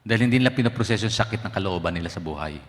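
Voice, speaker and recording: A middle-aged pastor preaches at a brisk clip, moving quickly from line to line. He drops from forceful emphasis to near-whispered asides, mixing two languages. His voice trails off into the long reverb of a church sanctuary. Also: on the low side, expressive. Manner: mixes Tagalog and English, swings from loud to hushed. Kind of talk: sermon.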